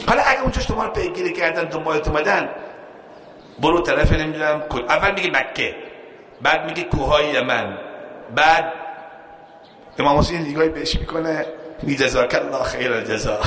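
Preacher, male, bright voice, echoey hall, storytelling sermon with chanted lines. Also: a little high. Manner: storytelling with quoted dialogue and chanted verse, rising emphasis.

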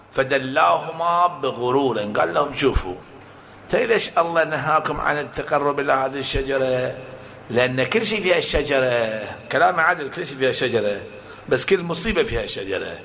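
A man preaching a sermon to a congregation, telling stories, acting out quotes and firing rhetorical questions. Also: mid-range voice. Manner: animated storytelling with acted-out quotes and rhetorical questions.

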